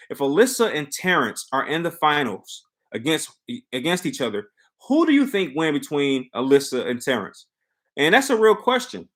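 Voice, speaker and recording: A man's voice: on the high side, a bit bright. A man hosting a live commentary stream, talking conversationally and giving opinions with rhetorical questions and emphatic repetition. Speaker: host of a reality show commentary stream.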